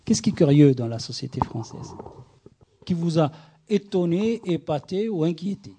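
A middle-aged man facilitating a group workshop. He speaks in an encouraging, questioning way, drawing people out. His voice sits a little high, with a mellow, husky tone. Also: animated, normal speed. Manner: encouraging, asks many questions. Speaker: workshop facilitator, association director. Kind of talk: leading a group discussion.

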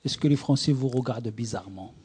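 A man's voice: mid-range voice, fast, a little mellow, breathy edge. A middle-aged man who runs an association, leading a group discussion and asking many questions in an encouraging way. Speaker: workshop facilitator, association director.

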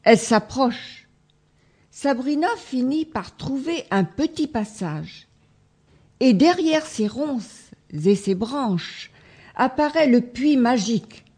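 Woman reading a fairy tale, slow. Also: sits high, lively intonation, a little mellow, slightly rough. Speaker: storyteller. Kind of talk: reading a children's tale aloud.

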